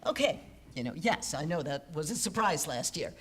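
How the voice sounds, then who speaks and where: A woman rabbi preaches in a church, her fairly low voice swooping up and down as she teaches in a chatty way. She keeps the congregation involved with quick jokes. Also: a little hiss or hum. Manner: lively, conversational, jokes with the congregation. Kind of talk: teaching sermon. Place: church sanctuary.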